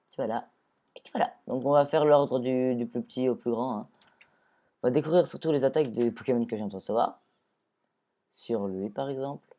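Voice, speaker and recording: A man with a warm, mid-range voice rambles through casual gameplay commentary. He keeps restarting and correcting his sentences, and he chats directly to the creatures in his game.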